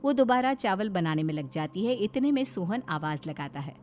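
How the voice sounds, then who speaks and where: A woman narrating a family cartoon story in a steady, expressive storybook style. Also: mid-range voice, moderate pace, faint music behind.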